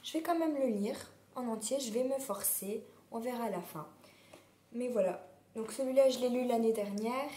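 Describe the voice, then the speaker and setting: A woman vlogger chatting casually while hoarse from a sore throat, rambling with many fillers. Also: fairly high pitch, moderate pace, dark tone. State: sore throat, losing her voice. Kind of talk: casual chat. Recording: roomy echo.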